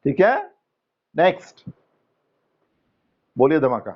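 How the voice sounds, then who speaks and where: Slow, patient male teacher quizzing students. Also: a little high, lively intonation, lo-fi sound. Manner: patient, questioning, explains step by step and quizzes students by name; mixes Hindi with English terms. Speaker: English teacher. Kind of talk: online class teaching grammar to students.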